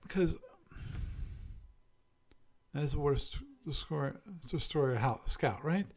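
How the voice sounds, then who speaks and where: Chatty man with a higher voice. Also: slow pace, a little mellow. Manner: musing, self-correcting, chatty. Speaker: podcast host. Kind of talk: casual solo review and chat.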